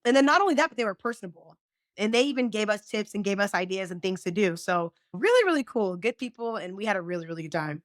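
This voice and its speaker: A woman chatting as a podcast guest, telling lively stories, swearing freely and acting out what people said. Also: medium pitch, quick pace, no room sound, studio quality. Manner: animated storyteller, swears freely, acts out quotes. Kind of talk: casual chat.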